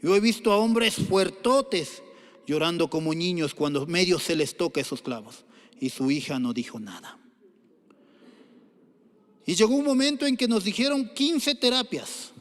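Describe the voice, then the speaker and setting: Pastor preaching in echoing hall. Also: male voice, sits high. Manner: earnest storytelling with rising exhortations. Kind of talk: sermon. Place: large church hall. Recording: echoey church hall.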